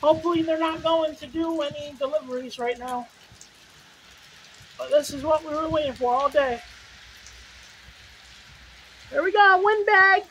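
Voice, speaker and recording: Very high-pitched woman chasing a storm live. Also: a little slow, long pauses. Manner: excitable, exclamatory, repeats short phrases. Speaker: storm chaser livestreaming. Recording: noisy outdoor recording with rain and wind.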